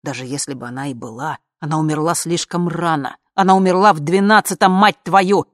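A woman voicing a tense dead husband who insists and shouts in a storybook. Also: sits low, a little fast, no room sound, studio quality. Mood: insistent.

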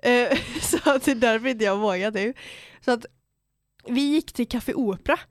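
With plenty of slang, swearing and quotes she acts out, a teenage podcast host from Borås, Sweden, under eighteen, shares a story in a chatty way. Her voice is a little high, and the recording is dry and studio-clean.

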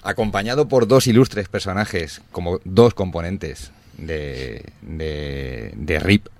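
A man's voice: deep voice, slow. A man hosting a community radio music show, telling rambling anecdotes in casual chat. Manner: rambling anecdotal storytelling, animated.

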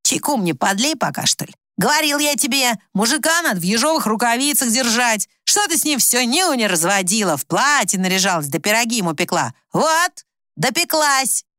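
A woman voicing a coarse, scheming older village woman with a hoarse voice, who scolds bluntly. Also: fairly high pitch, big pitch swings, moderate pace, sharp tone, no room sound, studio quality. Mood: scolding.

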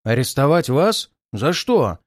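A man reading aloud and voicing a stern middle-aged police inspector who speaks in brisk, pointed questions. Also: medium pitch, very animated, no room sound, studio quality. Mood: questioning.

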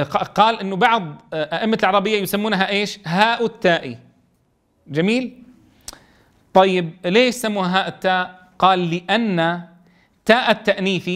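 A man's voice: high voice, fairly bright tone. A man training Quran teachers in a classroom lesson. He reads a text aloud, explains it, and keeps checking with his students.

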